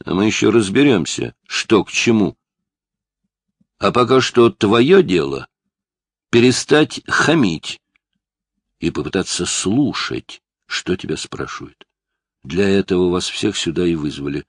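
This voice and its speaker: A man with a low, gravelly voice playing a stern, hard-nosed police detective who barks threats at a suspect. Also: very animated, a little slow, pauses often, no echo, clean studio sound, full character voice. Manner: barking, threatening.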